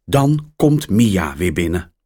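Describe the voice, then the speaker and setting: Slow, expressive Dutch storyteller man. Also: low-pitched. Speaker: narrator. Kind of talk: children's story reading.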